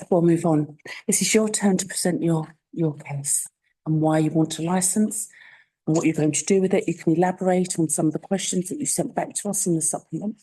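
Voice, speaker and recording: A woman with a London accent chairing a council licensing hearing, brisk and direct. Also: fairly low pitch, warm tone, breathy edge, low-quality recording. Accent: London English. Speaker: committee chair. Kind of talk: chairing a formal meeting. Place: council meeting room.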